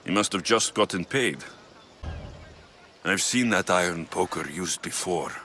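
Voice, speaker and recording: Alexios, a blunt mercenary. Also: male voice, lively intonation, unhurried, a little hiss or hum, full character voice. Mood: grim. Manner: blunt, low and clipped. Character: gruff Spartan mercenary man, blunt and protective. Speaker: game protagonist. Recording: game cutscene with loud music. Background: music.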